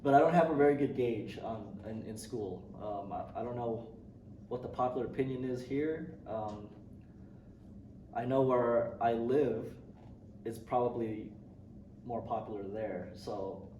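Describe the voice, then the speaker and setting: A young man from Indonesia, interviewed as a student, answers a little slowly in a dark, mid-range voice. His relaxed responses include many ums, restarts and light laughs, recorded from a distance in a roomy, noisy setting.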